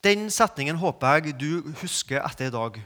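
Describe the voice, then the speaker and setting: A male preacher delivers a sermon in a fairly high voice, building from calm reflection to emphatic, rising peaks. His words ring out with the long reverb of a large church hall.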